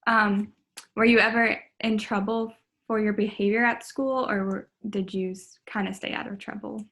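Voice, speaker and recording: A woman's voice: medium pitch, steady tone, normal speed, a bit bright. A young woman running a student clinical interview, friendly and tentative, with frequent ums.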